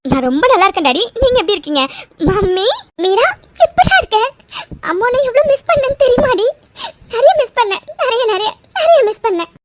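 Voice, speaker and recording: A woman doing a bubbly cartoon daughter, squeaky-high. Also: big pitch swings, brisk, dry recording. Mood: overjoyed. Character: bubbly young daughter, playful and loving.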